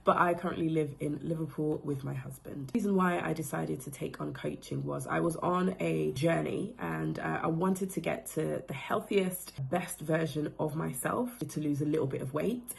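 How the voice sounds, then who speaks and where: Low gravelly-voiced woman in her thirties. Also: normal speed, hardly any pauses. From Democratic Republic of Congo. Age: 30s. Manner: reflective, loose phrasing with many fillers. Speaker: coaching client giving a testimonial. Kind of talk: casual testimonial talk.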